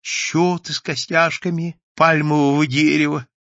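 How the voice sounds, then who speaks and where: A man narrating a literary story in a measured, ironic storytelling manner. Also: fairly high pitch, level tone, a bit bright, no room sound. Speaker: audiobook reader. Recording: dull lo-fi, dry recording.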